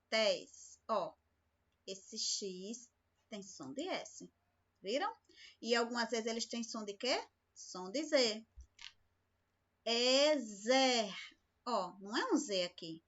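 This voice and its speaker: A woman's voice: fairly high pitch, expressive, slow, long pauses, a bit bright, dull audio. A woman teacher giving a recorded remote lesson, patient and speaking to the class with many questions. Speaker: school teacher.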